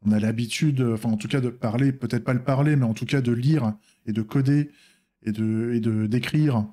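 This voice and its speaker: A man's voice: mid-range voice, fairly even intonation, normal speed, dark tone. Male game developer from France, casual meandering delivery, lots of fillers. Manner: rambling, many restarts and filler words. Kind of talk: casual devlog chat.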